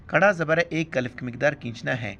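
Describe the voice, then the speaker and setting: A man with a slightly high, creaky voice teaches Quran recitation, quickly explaining the letters in Urdu with a Pakistani accent before chanting verses slowly and loudly. The recording sounds dull and lo-fi.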